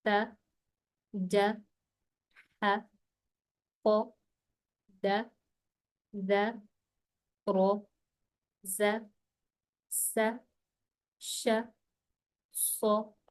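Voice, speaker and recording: A woman's voice: mid-range voice, darkish tone. Patient woman teaching letter sounds. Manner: patient, repeats "okay" to check understanding; sounds out letters slowly one by one. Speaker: Quran recitation teacher. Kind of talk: online lesson.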